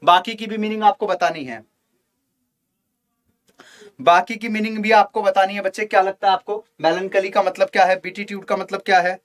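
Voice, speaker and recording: A man teaching English vocabulary in a live online exam-prep lesson, coaxing viewers to comment and chanting memory tricks in a slow singsong. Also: high-pitched, fairly even intonation. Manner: addresses viewers as children, asks for comments.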